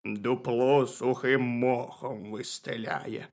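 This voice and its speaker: A man voicing a calm, sensible male bear cub in a storybook, speaking slowly and steadily. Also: medium pitch. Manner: slow, steady, reassuring.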